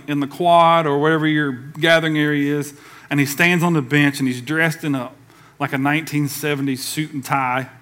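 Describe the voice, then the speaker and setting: A man's voice: a little high, sharp tone. A male pastor preaching a sermon, emphatic and conversational, drawing call-and-response from the congregation. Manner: conversational with casual asides.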